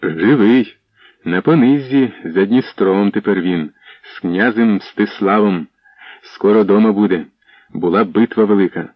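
A narrator reading as a deferential messenger. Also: male voice, lowish voice, measured pace, dry recording, lo-fi sound. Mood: respectful. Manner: respectful, plain-spoken. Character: deferential armored male messenger.

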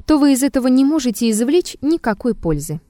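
A woman voicing a calm, aloof man in an audiobook, answering coolly and dryly. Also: high voice, a little fast, no room sound, pitched above the performer's own voice. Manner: calm and dry.

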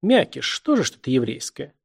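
A man voicing a naive, earnest young man who is bewildered and excitable in conversation, in an audiobook reading. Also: mid-range voice, a little fast, slightly rough. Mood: heated.

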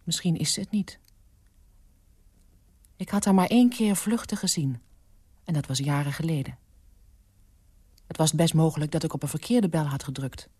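Low, husky woman reading a story. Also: mellow, no echo. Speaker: radio story reader. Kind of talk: scripted narration.

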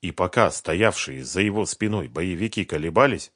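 A man reading a crime thriller audiobook in a steady, even storytelling manner. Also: sits low, moderate pace, dry recording, clean studio sound. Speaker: audiobook narrator. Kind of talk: scripted narration.

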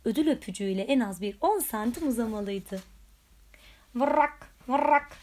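A woman reading a children's picture book aloud with lively, expressive storytelling. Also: mid-range voice, fast talker. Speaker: storybook reader.

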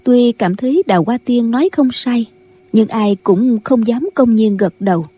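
Woman audiobook narrator, mellow, husky, slightly high voice. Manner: measured storytelling. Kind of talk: scripted narration.

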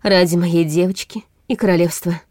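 A proud noblewoman from an audiobook, as a woman reads her, earnest and firm. Her voice is rather low, and the sound is close and dry. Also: fairly even intonation, moderate pace, darkish tone, dry recording, natural voice. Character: proud, determined royal mother, a woman.

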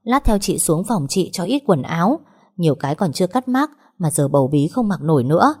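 A woman's voice: lowish voice, sing-song, a little fast, a little mellow, slightly rough. A woman voicing a young pregnant woman who turns from affectionate to shrieking and sobbing in pain.

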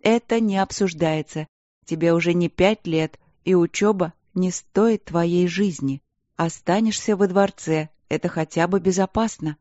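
A woman voicing a gentle young queen, anxious and sad, trying to stay firm with her younger sister. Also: fairly low pitch, unhurried, dry recording, dull audio, natural voice. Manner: soft, anxious, firm then yielding.

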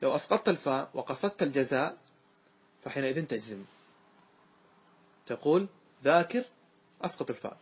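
A man's voice: mid-range voice, lively intonation, a little fast, pauses often, husky. A man, a sheikh giving a classroom grammar lesson, explaining step by step, repeating examples and quizzing his students.

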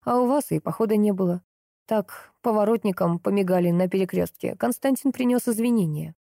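A woman voicing a stern, wealthy older man who talks gruffly and later wheezes for air. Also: mid-range voice, fairly quick, warm tone, no room sound, clean studio sound, close to an everyday voice. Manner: gruff, then wheezing and gasping.

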